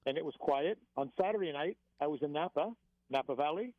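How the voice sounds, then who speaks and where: A man calling in as a guest from a bike ride outdoors, telling his story in an animated, excited way. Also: on the high side, fairly quick, dry recording. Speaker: guest on the phone. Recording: tinny phone line.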